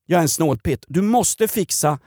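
Lively joking middle-aged man. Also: a little high, no echo, clean studio sound. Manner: joking, lively, mock-outraged. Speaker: podcast host. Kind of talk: casual comedic podcast banter.

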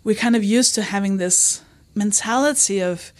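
A candid woman comedian speaks as an interview guest, with a mid-pitched voice. She talks in a lively way and keeps slipping into quick impressions of other people's remarks. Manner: candid, animated, quotes herself and others. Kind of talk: conversational interview.

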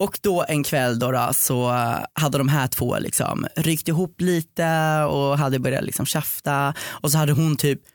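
A man's voice: steady tone, hardly any pauses, dry recording, clean studio sound. A young man telling a long personal story in a casual podcast chat, rambling with many fillers and acting out what people said. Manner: rambling anecdote, many fillers, quotes people with raised pitch. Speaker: guest storyteller.

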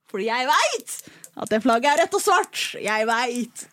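Lively high-voiced woman storyteller. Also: dry recording. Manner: animated storytelling with laughs. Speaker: comedian guest. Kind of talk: casual podcast chat.

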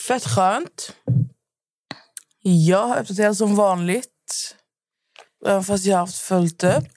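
A young woman co-hosting a podcast in casual chat, with short reactions and animated retellings. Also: medium pitch, no echo, clean studio sound. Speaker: podcast co-host.

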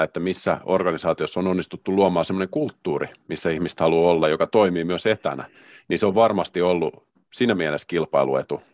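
A man co-hosting a podcast, speaking in a measured, hedging way in a casual discussion about work. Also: low-pitched, no echo, clean studio sound. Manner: measured, hedging, many restarts. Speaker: podcast co-host.

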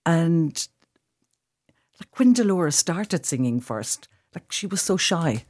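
An actress and director from Limerick, Ireland, with a Limerick accent, reminisces thoughtfully as a guest in a casual radio interview, often repeating phrases while searching for words. Her voice sits on the low side and is husky and darkish, slow but very animated.

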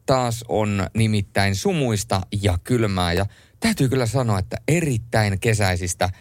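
A man hosting a late-night radio show in a studio, chatting and joking lively and reading listener messages aloud. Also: fairly low pitch, dry recording. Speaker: radio host. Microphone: studio microphone.

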